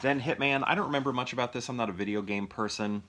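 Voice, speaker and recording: There's background noise as a mid-range male voice rattles along fast. He's a film reviewer casually riffing to viewers, musing aloud and questioning his own points.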